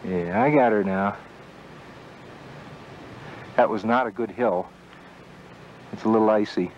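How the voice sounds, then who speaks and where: A man's voice: on the low side, measured pace. A man filming a home video outdoors on a ski slope, chatting casually and commenting on the shot, heard through old camcorder audio. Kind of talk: casual chat while filming. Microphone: built-in camcorder mic. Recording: dull lo-fi camcorder audio with hiss.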